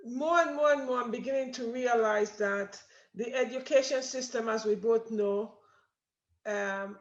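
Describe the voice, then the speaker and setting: A woman hosting an interview as an education coach, speaking in a measured, affirming way. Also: on the high side. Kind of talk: casual interview chat. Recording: roomy echo, dull lo-fi sound.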